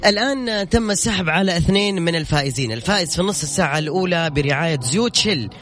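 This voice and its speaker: A man's voice: high-pitched, expressive, rapid-fire, over music. A man with a Saudi accent hosting a call-in radio show, playful and effusive with callers as he announces prizes. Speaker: radio host. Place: radio studio with music playing behind.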